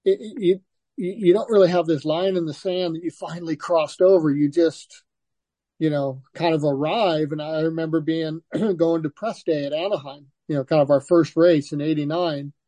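A man's voice: a little high, moderate pace, no echo. An older man, a former motocross racer, telling stories as an interview guest with lots of restarts and "you know". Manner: relaxed storytelling, frequent restarts and "you know". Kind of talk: casual interview.

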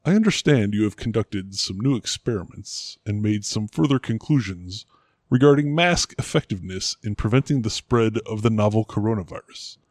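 Guy doing a prim stuffy interviewer, kinda low voice, very formal. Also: lively intonation, moderate pace, darkish tone, no echo, studio quality. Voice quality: formal, prim, increasingly exasperated. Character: stuffy, proper male interviewer, middle-aged man. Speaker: interviewer in a comic sketch.

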